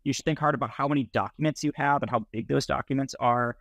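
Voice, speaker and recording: This middle-aged software founder, an interview guest on a video call, explains technical topics at a quick pace. His medium-pitched voice is fairly even and fairly bright, with vocal fry. He uses earbuds in a small, plain indoor room, and there's no echo.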